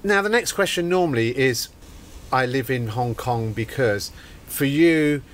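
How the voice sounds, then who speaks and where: A woman with an unusually deep voice hosts a podcast, firing off quick questions and chiming in with short encouraging words. Her speech is casual and friendly. A faint hiss of noise sits behind her. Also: lively intonation. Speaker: podcast host. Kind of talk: casual interview chat. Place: bookshop, live recording.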